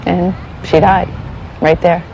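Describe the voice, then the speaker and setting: A woman's voice: lowish voice, little pitch movement, slow pace, creaky, darkish tone, slight background noise, low-quality recording. A woman who works as an elephant keeper, recollecting in a nature documentary interview. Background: music.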